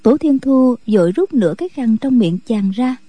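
A woman narrating a martial-arts novel as a radio story reading, in a steady, measured way with a husky voice. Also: fairly high pitch, no room sound.

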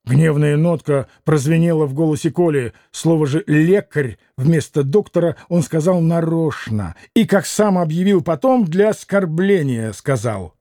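A man narrates a classic novel at a measured, even pace. His voice is high yet mellow. The recording is close and dry, with no room sound. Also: dry recording.

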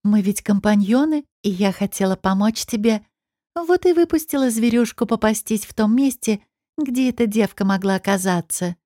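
A woman voicing a scheming young beauty who talks in a sweet, teasing way that turns sharp. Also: medium pitch, moderate pace, dry recording, studio quality, lightly acted. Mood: sugary teasing.

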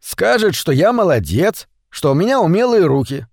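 A man's voice: high voice, sing-song, moderate pace, vocal fry, a little mellow, breathy edge, no echo, studio quality, voice pushed up, exaggerated voice. A man voicing a cheeky, inventive young boy who talks in a boastful, matter-of-fact way. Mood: self-satisfied.

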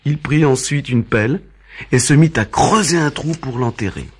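A man narrating a children's story in an expressive, animated reading. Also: medium pitch, moderate pace, breathy edge. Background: faint background music.

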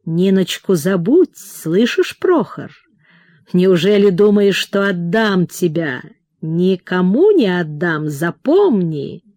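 A woman reading the part of a passionate, possessive young woman who speaks low and insistently. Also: big pitch swings, slow, a little mellow, no room sound, clean studio sound, heavily acted. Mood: intense.

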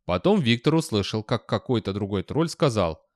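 A man's voice: on the low side, sing-song, normal speed, no echo. Male audiobook narrator, dry sound.

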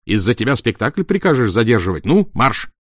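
A man's voice: medium pitch, big pitch swings, a little fast, fairly bright tone, no echo, studio quality. A man voicing a broad-shouldered, bossy teenage stage manager who barks and growls orders. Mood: scolding.

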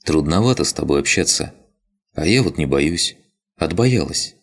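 A man's voice: extremely low pitch, expressive, moderate pace, heavily acted. A man voicing a tired young woman who sounds resigned and wryly sad. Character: weary young woman awaiting her fate.

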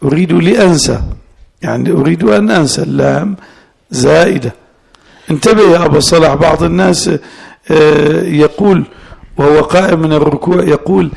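Gravelly sheikh teaching a classical text. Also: male voice, a little high, darkish tone. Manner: explains slowly, repeats the student's words, asks questions. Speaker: sheikh teaching Hanafi fiqh.

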